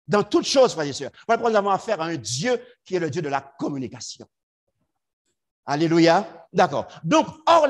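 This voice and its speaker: A man preaching a sermon to his congregation, swinging between loud emphatic lines and low quiet asides.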